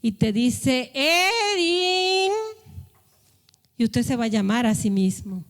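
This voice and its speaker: A woman's voice: a little high, steady tone, normal speed, darkish tone. A woman pastor preaching a sermon in a church hall, pressing her listeners with rhetorical questions and sudden raised calls. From Latin America. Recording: long hall reverb.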